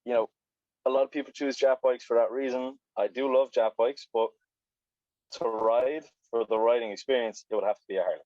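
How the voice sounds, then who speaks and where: A man from Ireland chats casually about motorbikes as a guest on a video call, his mid-range, mellow voice fairly even and a little fast. He rambles, swears, then apologizes. The dry recording has dull lo-fi call quality.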